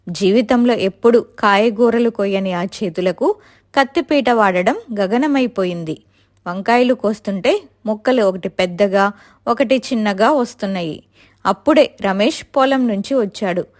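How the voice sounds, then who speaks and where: A woman's voice: mid-range voice, a little mellow. Woman narrating a story.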